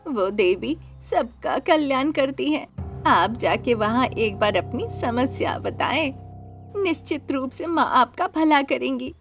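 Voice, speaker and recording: A kindly wandering beggar man in a cartoon story, as a woman puts him on. He talks slowly and softly, in a somewhat lower register than her own voice. Faint music plays underneath. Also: lively intonation, exaggerated voice. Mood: gentle. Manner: slow, gentle. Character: kindly wandering male beggar, gentle and slow.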